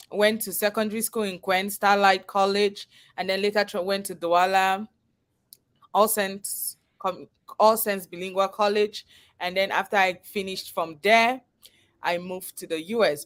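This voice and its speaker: A Cameroonian-accented woman, a chef and business owner, tells her personal story as a guest in a live interview, earnest and conversational. Her voice is medium-pitched and a bit bright.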